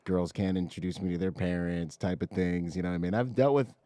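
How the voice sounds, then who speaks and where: A man with an American accent, from the Bahamas and Washington State, tells personal stories as a podcast guest in laid-back, slangy speech. His voice is low-pitched and warm, steady in tone and a little fast. The recording is dry.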